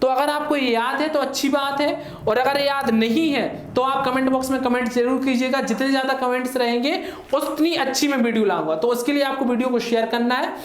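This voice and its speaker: A man's voice: very high voice, fairly quick, hardly any pauses. A male teacher, giving an online exam-prep lesson in a chatty way and often checking in with his listeners. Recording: echoey room.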